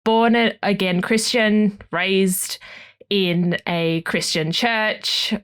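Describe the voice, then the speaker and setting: A woman's voice: medium pitch, steady tone, drawn-out words, a bit bright, clear, resonant tone. Chatty Australian woman in her twenties. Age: 20s. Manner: chatty and rambling, laughs often. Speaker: podcast guest. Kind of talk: casual interview chat. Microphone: video call.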